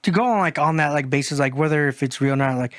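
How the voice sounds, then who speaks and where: Higher-voiced man, halting podcast chat. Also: fairly bright tone, no echo, studio quality. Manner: hesitant with many fillers, swears. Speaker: podcast co-host. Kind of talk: casual chat.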